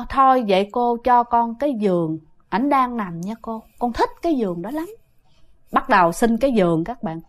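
A woman with a Southern Vietnamese accent telling a ghost story to her listeners in a lively, dramatic, casual way. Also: high voice.

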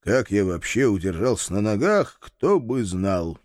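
A man's voice: on the low side, very animated, a little slow, darkish tone, no echo. A man narrating a first-person audiobook in a wry, dry storytelling manner.

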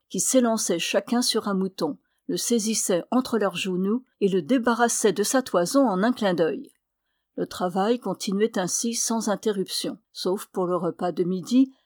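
A woman narrating a novel as an audiobook reader, in a steady, even storytelling read. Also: medium pitch, dry recording, clean studio sound. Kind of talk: scripted narration.

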